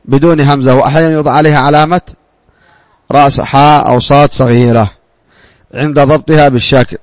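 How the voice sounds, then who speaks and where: A man's voice: medium pitch, steady tone, quick pace, dry recording. A man teaching a class, who asks his students questions, answers them himself and repeats words for emphasis. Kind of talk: classroom grammar lesson.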